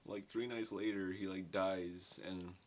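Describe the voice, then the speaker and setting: A man's voice: low voice, fairly even intonation, unhurried, a little hiss or hum. A young man giving a casual spoken book review, rambling in slang with lots of filler words, filmed in a small dim bedroom.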